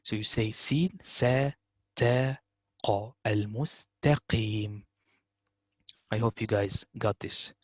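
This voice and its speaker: A man teaching a tajweed lesson, slowly repeating words to show correct pronunciation. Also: medium pitch, dry recording. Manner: explains slowly, repeating words in Arabic recitation. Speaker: Quran recitation teacher.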